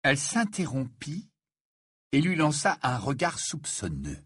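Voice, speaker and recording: A man reading a story aloud in an amateur way, halting at times. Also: a little high, wildly swooping pitch, a bit bright, husky, dry recording, clean studio sound. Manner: hesitant, halting reading with asides.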